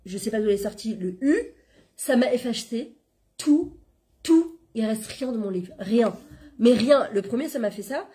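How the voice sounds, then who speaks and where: Animated woman teaching a spiritual class. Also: fairly high pitch. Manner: animated, conversational, mixes Hebrew terms into French. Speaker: Torah class teacher and coach. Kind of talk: informal religious lesson.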